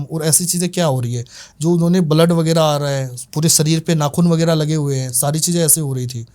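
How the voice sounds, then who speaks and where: Rambling man telling a case, slightly high voice. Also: a little mellow. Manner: rambling, repetitive retelling with many fillers. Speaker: tantrik guest telling a case. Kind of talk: casual spoken storytelling.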